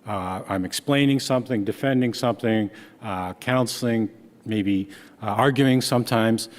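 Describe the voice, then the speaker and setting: In a large hall, a Dutch-born author and speaker in his sixties from Ontario, Canada talks about his book in a lowish voice. He keeps it conversational but halting, restarting often.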